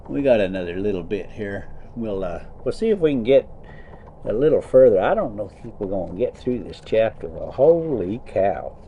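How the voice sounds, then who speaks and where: Driving a motorhome, a man reads a story aloud in a folksy, theatrical way, tossing in casual colloquial asides. His voice is fairly low and mellow, with a little hiss or hum on the recording.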